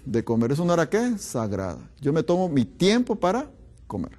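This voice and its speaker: Middle-aged male physician, measured lecture voice, a bit high-pitched, likes pausing on rhetorical questions. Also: huge pitch swings, a little mellow. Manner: rhetorical questions answered in a dropped voice. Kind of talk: health talk with anecdotes.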